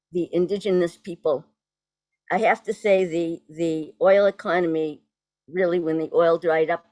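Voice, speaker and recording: A woman with a Boston accent giving an informal online presentation in a halting, deliberate manner. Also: fairly low pitch, a little mellow, dry recording. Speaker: poet introduced as guest speaker. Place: virtual event on video call.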